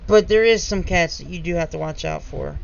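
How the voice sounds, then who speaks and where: A man's voice: on the high side, fairly quick, gravelly, a crowd in the background. A man hosting a casual podcast chat, telling rambling stories full of restarts and fillers. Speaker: host. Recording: dull lo-fi mic with faint noise.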